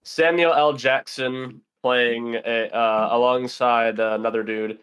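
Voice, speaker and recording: A man's voice: medium pitch, steady tone, takes it slowly, fairly bright tone, clean tone. A young man, a podcast guest, chatting casually and rambling with lots of fillers while playing a game. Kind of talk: casual chat while gaming.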